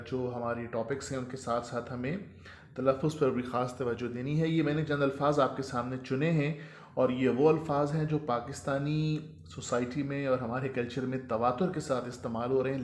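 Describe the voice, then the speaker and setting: A man with a Pakistani Urdu accent teaches a pronunciation lesson at a measured pace. He spells out each word and repeats it so it sinks in. His mid-pitched voice carries a roomy echo. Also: darkish tone.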